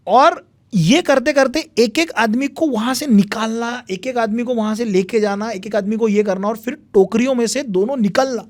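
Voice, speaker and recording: High-voiced man telling history. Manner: animated retelling with repeated phrases, acts out quotes. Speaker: history speaker, guest. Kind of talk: conversational storytelling.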